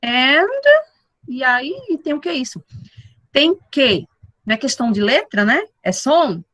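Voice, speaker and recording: A woman teaching an English class online, with slow explanations, repeated model words and frequent checks with her students. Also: a little high, fairly bright tone, no room sound, poor audio. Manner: checks in with the class often with tag questions.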